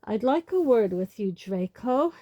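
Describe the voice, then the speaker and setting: A woman's voice: mid-range voice, measured pace, warm tone, no echo, dull audio, natural voice. A woman voicing a cold, stern male teacher who speaks curtly. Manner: curt, cold.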